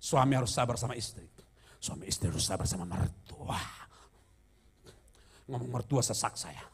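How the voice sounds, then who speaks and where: A man's voice: mid-range voice, moderate pace, creaky, slightly rough. Middle-aged guy pastor, funny stories, amin-and-response preaching, church hall reverb. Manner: animated preaching with humorous stories and call-and-response. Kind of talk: sermon.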